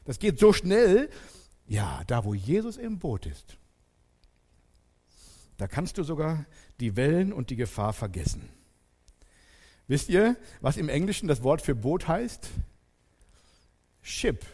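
A man delivering a sermon in a fairly high, very lively voice that rises and falls widely. He speaks directly to his listeners and leans on dramatic pauses, moving from hushed passages to loud, building peaks. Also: breathy edge, big-room sound. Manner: addresses congregation directly, dramatic pauses and swings from soft to loud. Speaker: preacher.

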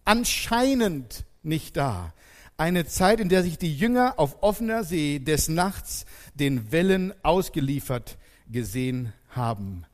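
Animated preacher with sweeping pitch. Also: male voice, big-room sound. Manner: addresses congregation directly, dramatic pauses and swings from soft to loud. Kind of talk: sermon.

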